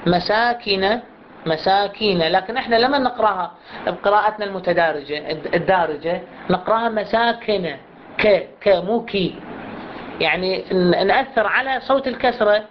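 A woman with an Iraqi Arabic accent teaching Quran recitation in a class, explaining patiently and saying words slowly for students to repeat. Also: medium pitch. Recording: muffled recording with steady background noise.

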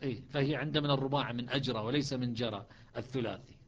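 A man patiently teaching the variant readings of Quran recitation, explaining methodically with frequent pauses and restarts. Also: mid-range voice. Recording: dull lo-fi recording.

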